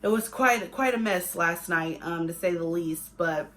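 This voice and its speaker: A woman's voice: fairly low pitch, a little slow, a bit bright. A young adult woman vlogging as a mother, chatting casually and conversationally to viewers, repeating herself for emphasis. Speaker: family vlogger, pregnant mother. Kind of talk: casual chat to viewers, pregnancy update.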